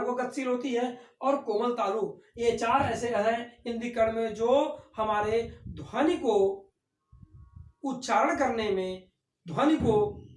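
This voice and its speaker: A woman teaching an online class, explaining terms by asking questions and then answering them herself. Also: fairly high pitch. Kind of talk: online lecture on Hindi phonetics. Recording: echoey room.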